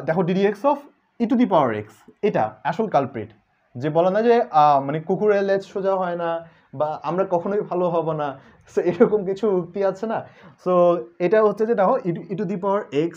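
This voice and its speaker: A man's voice: sits high, a little mellow. A young man tutoring calculus online, chatty and joking, slipping English words into his talk. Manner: chatty, mixes English words, jokes with students. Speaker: math tutor. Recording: dull lo-fi sound.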